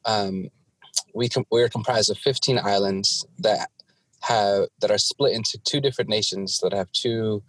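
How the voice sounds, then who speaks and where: A man from the Pacific Northwest of the United States speaking as a guest artist in an interview, explaining things in a deliberate, measured way. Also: lowish voice, no echo, poor audio. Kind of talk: interview talk with self-introduction.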